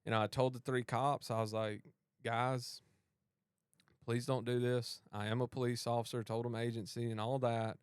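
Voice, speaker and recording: Guy telling his story on a podcast, smooth voice, dry close sound. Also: medium pitch, moderate pace, dry recording. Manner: animated retelling, acts out both sides of a dialogue. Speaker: podcast host and police officer. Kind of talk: storytelling in a casual conversation.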